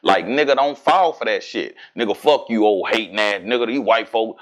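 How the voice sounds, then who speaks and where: A man in his forties from Houston with a Southern accent, talking casually and profanely as an interview guest, animated and streetwise. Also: lowish voice, normal speed. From Houston, Texas. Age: 40s. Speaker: rapper and guest.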